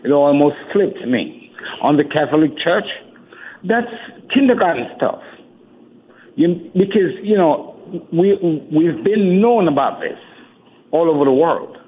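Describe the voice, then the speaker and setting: A man calling in to a radio show, talking haltingly and stumbling over his words, his voice coming through an echoey, reverb-heavy line. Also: fairly high pitch, animated, a little hiss or hum. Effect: echoey phone line with heavy reverb, like an echo chamber. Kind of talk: phone-in call.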